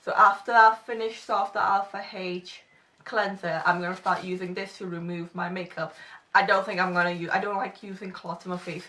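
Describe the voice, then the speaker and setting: A woman's voice: on the low side, flat delivery, moderate pace, bright, forceful tone, far from the mic. A woman in her twenties with a slight lisp, reviewing makeup in a chatty, self-deprecating way. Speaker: beauty vlogger. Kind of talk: casual product review.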